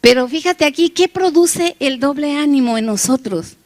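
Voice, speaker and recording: A woman's voice: sits high, animated, moderate pace. A woman preaching to a congregation. She talks conversationally, jokes between scripture points and keeps checking in with "right?" and "yes?". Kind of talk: sermon.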